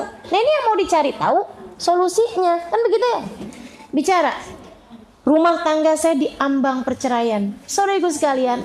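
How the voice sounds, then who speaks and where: Woman preacher, very high voice, roomy echoey sound, lively informal Q&A talk. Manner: animated, acts out quoted people, often addresses listeners as friends. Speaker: Islamic preacher answering audience questions. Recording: roomy echo.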